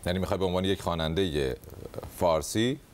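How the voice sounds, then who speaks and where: Man, talk show host, low voice, playful teasing questions, studio interview. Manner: teasing, jokey, animated asides.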